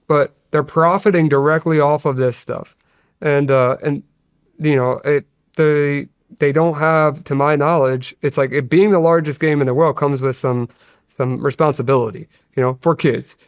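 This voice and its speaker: A man's voice: fairly high pitch, dry recording, clean studio sound. A man, a guest in an interview, explaining at length in an earnest way, often restarting his sentences. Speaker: guest, hacker. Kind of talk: interview conversation. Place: studio.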